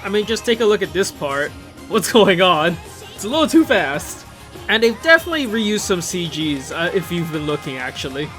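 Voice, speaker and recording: At normal speed and in a high, sing-song voice with a bit of brightness, a video host and reviewer offers casual, opinionated commentary. He often throws out rhetorical questions as upbeat music from the videos under review plays behind him.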